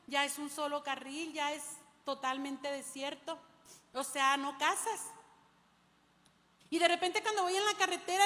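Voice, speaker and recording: A woman delivers a sermon in a very high, bright voice, telling stories from the pulpit and repeatedly addressing her listeners as "brother." A long reverb from the hall trails her words.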